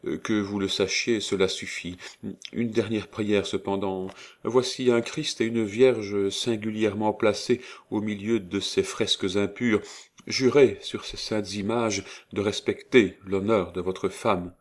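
A man's voice: fairly low pitch, steady tone, measured pace. A man voicing a proud, dignified young woman in an audiobook, speaking with a firm, regal tone. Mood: earnest.

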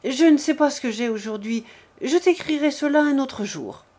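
A woman's voice: sits high, expressive, moderate pace, darkish tone, pitched above the performer's own voice. A woman voicing a feverish, troubled young maid in an audiobook, sounding distracted and uneasy.

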